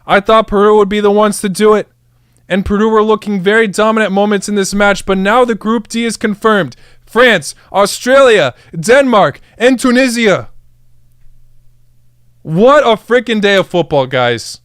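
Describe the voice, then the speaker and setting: Young male streamer, excited match reaction, high smooth voice, dry. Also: moderate pace, no echo. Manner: hyped, chants and cheers, addresses chat as guys. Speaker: football streamer reacting live.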